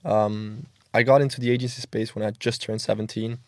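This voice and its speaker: A twenty-one-year-old Danish man talks earnestly and quickly as a podcast guest in a casual interview, often repeating words as he goes. His voice is lowish with a steady tone, and the recording is dry.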